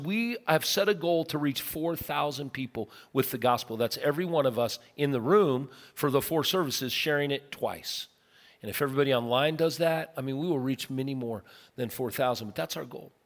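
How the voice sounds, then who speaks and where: A middle-aged man, a pastor, preaching a casual, earnest sermon and telling stories, now and then breaking into loud bursts. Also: a little high, fairly quick. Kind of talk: conversational sermon. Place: large church auditorium. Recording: long hall reverb from a big sanctuary.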